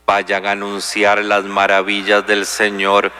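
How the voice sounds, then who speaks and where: A man leading the closing prayers and blessing of a Mass as a priest, speaking in a slow, solemn, measured way with a cathedral echo around him. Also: on the low side, monotone, bright, forceful tone, slight background noise. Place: large cathedral. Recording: long cathedral reverb.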